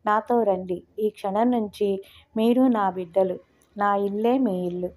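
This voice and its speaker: A woman reading the part of a kindly, remorseful older male landowner, speaking gently and in a fatherly way. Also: mid-range voice, steady tone, a little slow, lightly acted.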